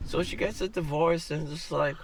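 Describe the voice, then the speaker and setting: Gravelly man ranting profanely on stream. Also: a little high, fairly even intonation, a little fast, a loud crowd. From United States. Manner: profane, rambling, repeats himself. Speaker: livestreamer. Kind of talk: casual ranting monologue. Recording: distant mic with faint background noise.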